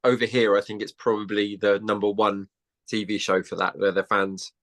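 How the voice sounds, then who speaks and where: A man's voice: lowish voice, moderate pace. Chatty man telling stories. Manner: animated storytelling with many restarts. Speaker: guest. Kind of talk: casual chat.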